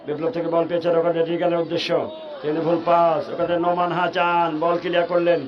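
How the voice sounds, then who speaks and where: A Bangladeshi man giving excited, urgent live football commentary, repeating stock phrases as he follows the play. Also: on the high side, fast talker, muffled recording. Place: outdoor football ground.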